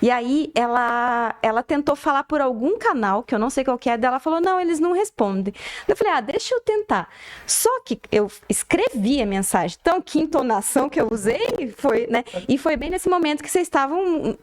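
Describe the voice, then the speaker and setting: A woman's voice: high voice, lively intonation, fairly quick. A woman host with a Brazilian Portuguese accent, chatting casually, laughing easily and poking fun at herself. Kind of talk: casual chat.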